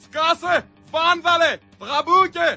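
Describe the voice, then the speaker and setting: A man doing a blustering, shouting scold. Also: very high-pitched, little pitch movement, soft background music, exaggerated voice. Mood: furious. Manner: shouting insults, bossy. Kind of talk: satirical comedy sketch.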